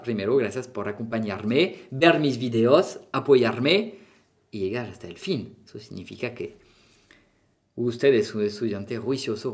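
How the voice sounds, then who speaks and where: Teacher repeating phrases slowly. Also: male voice, mid-range voice, a little mellow. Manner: repeats phrases slowly, switching between Spanish and French. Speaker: French teacher. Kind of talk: language lesson for beginners.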